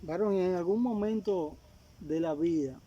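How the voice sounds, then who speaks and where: A man's voice: sits high, normal speed, dull audio, heavy background noise. A man interviewing, adding short reactions and prompting questions. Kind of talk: casual interview.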